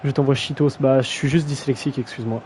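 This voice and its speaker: A man's voice: medium pitch, steady tone, fast talker, a little mellow, a little hiss or hum, poor audio. A young man casually commentating a video game match on a live stream, slangy and self-mocking, often stumbling over player names.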